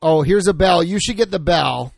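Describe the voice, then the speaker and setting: A man playing a co-op video game with a friend, excitably explaining mechanics and swearing now and then. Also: high voice, normal speed, vocal fry. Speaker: co-op game player. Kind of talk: casual gameplay chat.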